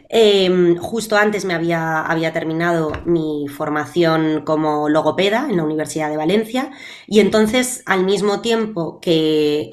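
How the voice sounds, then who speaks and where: A woman from Spain in her thirties, a guest actress and speech therapist, telling her story with lively pace. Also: low-pitched. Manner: lively and quick storytelling, with some restarts. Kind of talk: personal storytelling in an interview.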